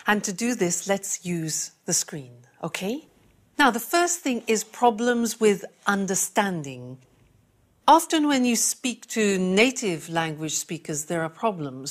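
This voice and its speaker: A woman teaching an English lesson, speaking clearly and repeating key phrases for learners. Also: mid-range voice. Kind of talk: classroom lesson.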